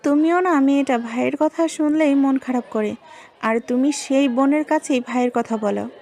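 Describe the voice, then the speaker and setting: A woman's voice: high-pitched, normal speed. A woman playing a soothing, caring mother. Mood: chiding. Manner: gentle and soothing. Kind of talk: audio story acting.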